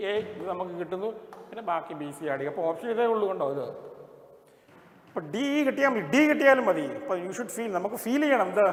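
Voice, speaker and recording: Male exam coach, Malayali accent, high voice; reads English slowly; roomy echo. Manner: mixes English into explanations, reads English sentences slowly and deliberately. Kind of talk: explaining bank exam questions. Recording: roomy echo with long reverb.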